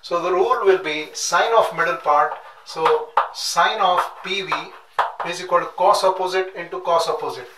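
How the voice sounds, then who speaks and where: A middle-aged man's voice sits high as he teaches nautical science at a classroom chalkboard, stepping methodically through calculations and slowly repeating numbers as he writes them. A room mic far away records him, his back often turned, leaving the audio echoey, off-mic, and noticeably noisy.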